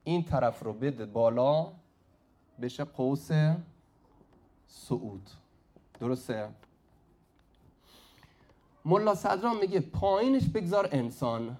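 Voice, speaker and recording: A medium-pitched, slightly mellow male teacher lectures at a whiteboard with animation and frequent pauses. He often prompts students with "say it" and quizzes them to call out responses.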